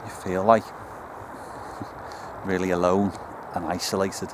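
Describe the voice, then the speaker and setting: A man's voice: sits low, little pitch movement, measured pace, background noise. A man with a Liverpool accent investigating the paranormal, calling out to spirits and talking uneasily to camera, outdoors in woods at night. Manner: hushed, uneasy. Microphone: handheld camera.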